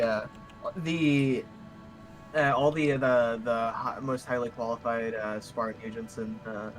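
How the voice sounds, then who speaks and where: A man's voice: mid-range voice, poor audio. Rambling man chatting with faint music. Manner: rambling, full of restarts and fillers; crude, playful swearing. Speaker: tabletop game player. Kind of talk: casual chat among players on a live stream.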